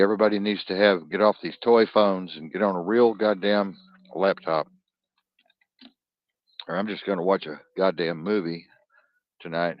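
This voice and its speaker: A man with a very low, deep voice hosts a live stream, tired and blunt, swearing freely as he rambles on. The sound is dry and close, with dull, lo-fi stream audio. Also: dry recording. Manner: profane, blunt, restless, barks orders at his producer. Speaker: host of an online talk stream.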